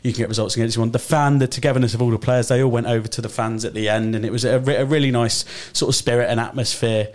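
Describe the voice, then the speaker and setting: A man's voice: mid-range voice, steady tone, fast talker, few pauses. A man presenting a sports radio show in casual chat, laughing lightly between points.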